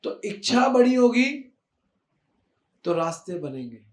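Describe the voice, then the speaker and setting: A high-voiced man gives an emphatic devotional talk. He repeats his key words for weight and drops English phrases in as he goes. The room around him rings with echo. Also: big pitch swings, slow. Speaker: spiritual speaker.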